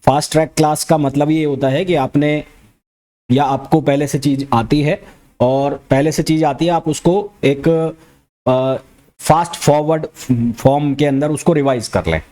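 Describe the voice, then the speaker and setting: A man with an Indian accent teaching a fast revision physics lecture, talking quickly and repeating key terms back as questions. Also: on the high side, mellow. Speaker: physics educator.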